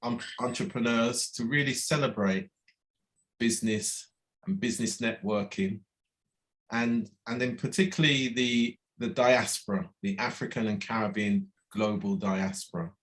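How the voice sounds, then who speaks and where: A man with a fairly low, slightly bright voice hosts a casual interview over a video call at normal speed. He's friendly, using lots of fillers and brief acknowledgements as backchannel.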